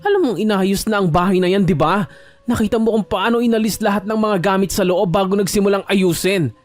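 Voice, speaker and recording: Guy doing a touchy secretive homeowner, pretty high voice, soft music behind, horror audio story. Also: brisk, no room sound, close to an everyday voice. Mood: irritated. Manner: defensive, irritated, evasive. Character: defensive young man guarding his house.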